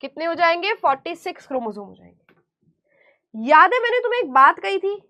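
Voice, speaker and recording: A woman teacher giving an online class lecture, speaking slowly and deliberately, asking questions and answering them herself in a coaxing way. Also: extremely high pitch, very animated, pushed and bright.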